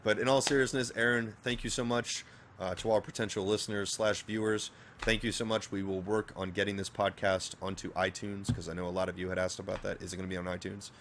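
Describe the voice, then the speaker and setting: This Northern Virginia podcast co-host talks fast in a low voice, with slight background noise behind him. He has a general American accent and trades crude, swearing, animated jokes with his co-host in casual chat.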